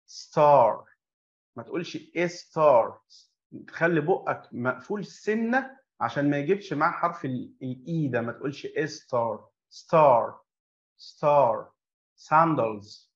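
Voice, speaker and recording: Chatty Egyptian teacher drilling words. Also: male voice, medium pitch, lo-fi sound. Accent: Egyptian Arabic. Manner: chatty explaining, asks and answers his own questions, drills words for repetition. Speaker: English teacher. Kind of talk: online class lesson.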